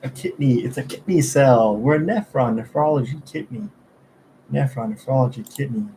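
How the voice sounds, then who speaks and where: A man's voice: medium pitch, a little fast, mellow, a little hiss or hum, low-quality recording. Man muttering through study questions. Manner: muttering, quizzing himself, trailing off unsure. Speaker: student studying for an exam. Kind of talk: thinking aloud while studying.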